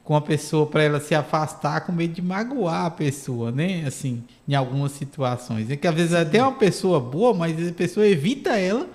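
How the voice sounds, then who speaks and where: Higher-voiced man co-host. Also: normal speed, few pauses, a little mellow. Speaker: radio co-host. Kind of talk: casual radio talk.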